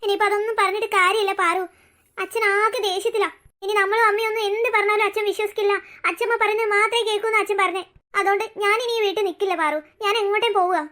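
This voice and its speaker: In a cartoon, a woman voices an earnest, protective teenage older sister who sadly reassures her younger sibling. Her very high-pitched voice is steady, quick, bright and forceful.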